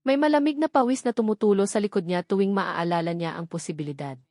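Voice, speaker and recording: A woman with a Filipino accent narrates a scripted dramatic story as an audiobook, deliberate and emphatic, using short dramatic phrases. Her mid-range voice has a dark tone. The studio sound is clean, with no echo.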